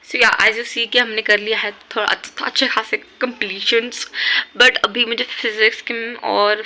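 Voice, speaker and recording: Teenage girl, Indian accent, chatty study vlog, self-mocking, slightly high voice. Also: flat delivery, unhurried, bright, forceful tone. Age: teens. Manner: chatty, mixing Hindi and English, self-mocking. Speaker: student vlogger. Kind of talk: casual study vlog chat.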